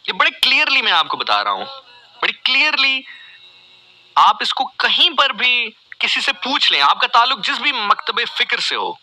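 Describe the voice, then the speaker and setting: A man's voice: very high-pitched, sing-song, normal speed, sharp tone, poor audio. A man, a radio host giving an earnest, reflective monologue full of pleading rhetorical questions. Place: radio studio.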